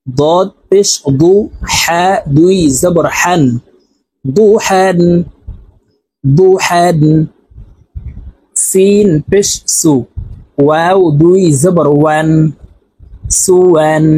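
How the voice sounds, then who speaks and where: Man teaching Quran reading; spells out syllables and repeats each word, slow husky delivery. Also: on the high side, darkish tone, dry recording, poor audio. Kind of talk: spelled-out recitation lesson.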